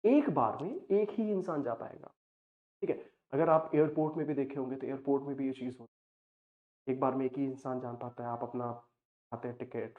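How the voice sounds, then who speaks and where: A young adult man teaching vocabulary for exam prep, explaining patiently and slowing down to read example sentences aloud. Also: medium pitch. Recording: tinny phone-like audio.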